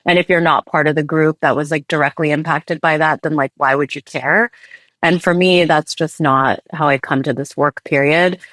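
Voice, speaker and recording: A woman raised in the United States, a human rights litigator answering interview questions in an earnest, measured way. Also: sits low, steady tone, a bit bright, dry recording. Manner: earnest, measured, thoughtful with restarts.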